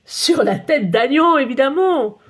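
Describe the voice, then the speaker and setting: Expressive woman reading a kids' story. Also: fairly high pitch, normal speed, slightly rough. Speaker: audiobook narrator. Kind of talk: children's audiobook narration.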